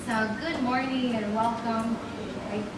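A guest speaker from the Dominican Republic, whose first language is Spanish, gives a lively, upbeat, faith-filled motivational talk in a hotel meeting room. Her slightly high voice is unhurried. She speaks into a podium mic on a stand, but the audio comes from a far camera, so it sounds distant, echoey, and noisy.

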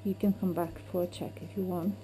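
A woman's voice: lowish voice, flat delivery, a little fast, mellow. A woman dentist talking a patient through treatment in short, simple remarks. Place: small dental surgery. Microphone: action camera, slightly away. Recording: noisy clinic room on action camera.

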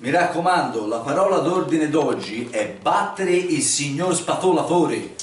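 A man's voice: on the high side, lively intonation, unhurried. A middle-aged man playing an anxious, competitive neighbour in an amateur comedy sketch. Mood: earnest. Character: anxious, competitive male quiz-contest neighbour. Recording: echoey, noisy room, far from camera mic.

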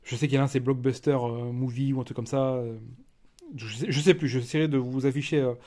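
A French-accented man talks through an unboxing in a loose, casual way. He stops and restarts often and fills the gaps with hesitations. His voice sits at an ordinary middle pitch for a man. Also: steady tone, quick pace, dark tone. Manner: chatty, hesitant, many fillers and restarts. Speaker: collector reviewing a disc edition.

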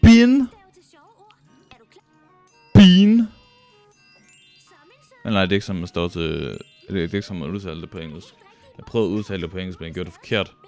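Excitable swearing Danish streamer, deep voice. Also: male voice, soft background music. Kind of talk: speedrun commentary.

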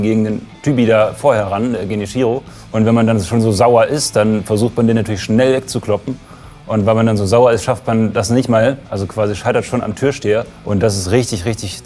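A man telling a rapid, annoyed anecdote about failing a boss fight. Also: lowish voice, dark tone. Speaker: games show regular. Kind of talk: casual anecdote.

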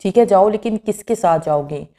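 A woman's voice: mid-range voice, dark tone, natural voice. A woman reading a caring middle-aged mother.

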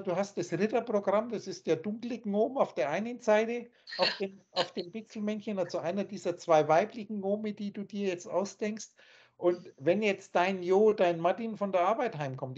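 A man's voice: high-pitched, normal speed, darkish tone, slightly rough. A man teaching in an emphatic, scornful lecturing manner, speaking over a video call. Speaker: spiritual teacher. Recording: dull lo-fi online call audio.

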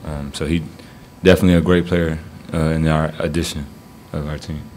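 A young man, a college basketball player, answering postgame press questions in a low-key way with lots of fillers, seated at a table mic in a press room. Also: little pitch movement, fairly quick, darkish tone, slight background noise. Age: young adult.

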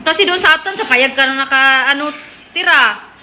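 Woman vlogger, high voice, playful teasing chatter, noisy phone recording. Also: moderate pace, pushed and bright. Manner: playful, teasing, laughs often. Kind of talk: casual teasing house-tour chat.

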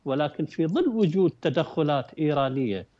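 A man speaks as a political researcher on a TV talk show, measured and pausing with frequent fillers. His voice comes through a dull, dry remote connection. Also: fairly high pitch, expressive, warm tone, no room sound. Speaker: international relations researcher guest. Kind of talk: analytical talk-show commentary.

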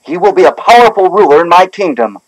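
Foolish young king, high and lively, proclaiming on a storybook record. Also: fast talker, music in the background, low-quality recording. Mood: commanding. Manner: proclaiming, theatrical. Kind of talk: 1970s storybook record drama.

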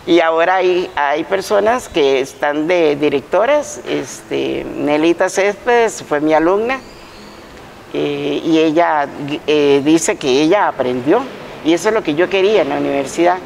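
An older woman, a retired teacher telling stories as a guest in a casual interview, chatty and lively, often restarting her words. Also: deep voice, measured pace, vocal fry, slight background noise, poor audio.

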